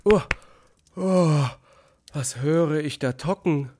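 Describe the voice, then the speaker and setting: A man's voice: fairly low pitch, big pitch swings, slow pace, noisy background. A man voicing a kindly man who lets freezing animals into his forest hut, in a family reading of a rhymed storybook. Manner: exclaiming, warmly welcoming.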